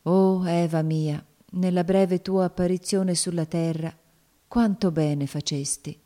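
A woman's voice: fairly low pitch, fairly even intonation, slow pace, dark tone. A woman doing a brooding, grieving father. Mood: grief. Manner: brooding, emphatic. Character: grieving father, a gentleman, sorrowful.

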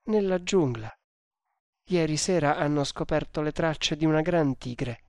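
A man doing a gentle, devoted servant. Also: on the high side, unhurried, no echo, clean studio sound. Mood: worried. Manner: murmuring softly. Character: devoted male servant, warrior-born, gentle and caring.

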